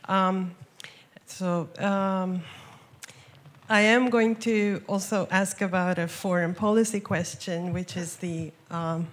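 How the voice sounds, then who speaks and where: Woman from Turkey, audience questioner, somewhat low voice, hesitant restarts. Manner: hesitant restarts, light self-mocking humor. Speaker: audience member asking a question. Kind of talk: question from the floor. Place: lecture hall.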